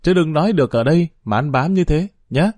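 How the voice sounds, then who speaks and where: A shrill, sharp-tongued young daughter-in-law, put on by a male storyteller, her voice pushed well above his own and biting. She scolds fast in a cutting, scornful tone. The read is close and dry. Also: animated, no room sound, natural voice. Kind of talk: dramatized story reading.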